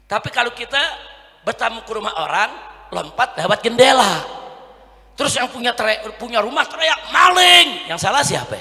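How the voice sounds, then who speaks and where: A man preaching a rousing sermon, calling out questions to the crowd and shouting for their answers. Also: high voice, in a large hall.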